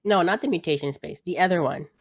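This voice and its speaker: A woman's voice: fairly low pitch, fast talker, no echo, clean studio sound. A woman playing a board game on a stream, asking questions and laughing easily. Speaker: co-host player. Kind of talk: casual board game chat.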